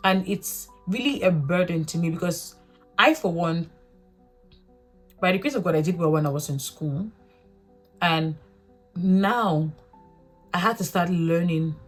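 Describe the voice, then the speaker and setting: A young African woman who speaks a local mother tongue talks earnestly to camera as a vlogger, her lowish voice slightly rough. The talk is casual and reflective, rambling and full of self-corrections.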